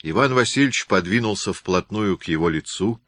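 A man reading a historical novel aloud as an audiobook narrator, in measured, even storytelling. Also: lowish voice.

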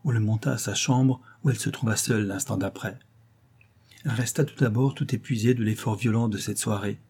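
A man reading a classic novel aloud as narrator, steady and measured. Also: lowish voice, husky. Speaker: audiobook narrator.

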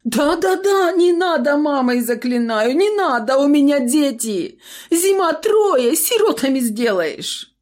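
A cowardly middle-aged trader, put on by a woman reading a story, bleating and sobbing in a high, cracking voice. He swings wildly up and down as he begs, fawns and whines for mercy. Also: sing-song, a little slow. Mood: wailing pleading. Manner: whining, pleading, sobbing.

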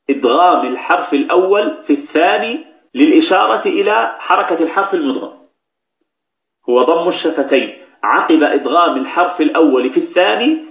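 Man, fairly high voice, patient recitation teacher, roomy echo, muffled lo-fi sound. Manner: explains patiently, repeats key phrases. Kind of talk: tajweed lesson with recited examples. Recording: echoey, dull lo-fi recording.

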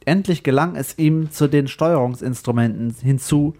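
A man's voice: on the high side, moderate pace, dark tone. Man reading a silly story aloud, stumbling. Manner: stumbles and corrects himself while reading, breaks off to joke. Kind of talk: comic read-aloud with banter.

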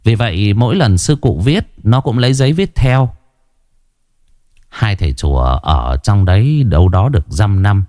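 A man narrating a story in an unhurried, expressive way. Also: on the low side, no room sound, clean studio sound.

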